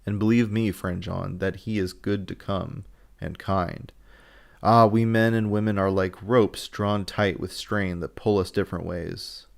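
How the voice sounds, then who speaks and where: A man's voice: low voice, steady tone, a little slow, creaky. A man reading aloud as an old Dutch male professor, sorrowful and philosophical, with earnest, broken old-fashioned phrasing.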